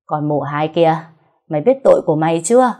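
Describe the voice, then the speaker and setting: A woman voicing the vengeful ghost of an old master in a gruff, booming put-on voice. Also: lively intonation, brisk, mellow.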